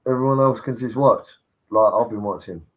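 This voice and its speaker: A man talks straight into his stream, blunt and pushy, with curses scattered through nearly every sentence. His pitch sits right in the middle for a man. He keeps hammering the same point with insistent energy. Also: normal speed, muffled recording. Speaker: livestreamer. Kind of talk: casual live-stream rant.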